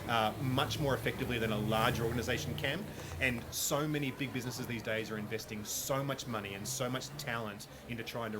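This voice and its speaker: A man gives thoughtful, keen interview answers in a mid-pitched voice. Clear background noise from the surroundings sits under him. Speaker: business guest expert. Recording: noisy background ambience.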